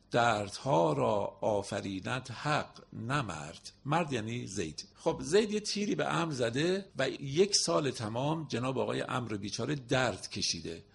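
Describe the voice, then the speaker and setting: Male teacher, mid-range gravelly voice, patient word-by-word explainer of poetry, faint background hiss. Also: medium pitch. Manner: explains word by word, recites verses slowly. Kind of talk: spoken lesson with recited verse.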